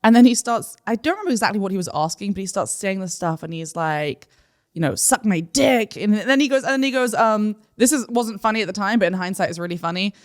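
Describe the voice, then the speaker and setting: Animated New woman telling a story. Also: medium pitch, fast talker. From New York City. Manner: animated storytelling, acting out quoted voices. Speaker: podcast co-host. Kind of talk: casual chat.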